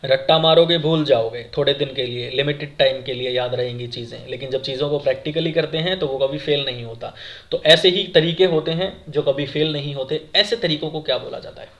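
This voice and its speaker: Speaking a little fast in a higher, fairly bright voice, an exam-prep English teacher explains vocabulary words in a classroom lesson. He poses questions, repeats the answers, and calls his viewers friends.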